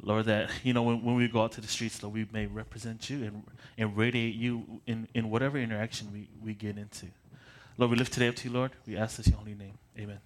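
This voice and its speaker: A pastor in his late twenties from Michigan leads a prayer, then introduces himself as a preacher casually and self-deprecatingly, often restarting phrases and chuckling as he paces. His lowish voice is flat and fast, with a little hiss or hum.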